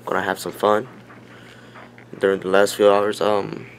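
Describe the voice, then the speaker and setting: A man's voice: on the low side, little pitch movement, measured pace, slight background noise. A young man chatting casually to his camera, hesitant, with many fillers. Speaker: vlogger. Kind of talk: casual vlog chat. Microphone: handheld camera.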